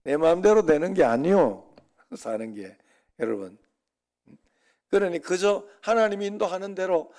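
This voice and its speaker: A man's voice: on the high side, darkish tone. A middle-aged man preaching a Sunday sermon as pastor, conversational and full of rhetorical asides to the congregation.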